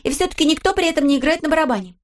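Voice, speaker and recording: A cheeky storybook girl with a high, shrill voice chatters and boasts in quick bursts, as a woman reader puts her on. She sounds playful and wild. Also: lively intonation. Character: wild cheerful girl who loves tall tales.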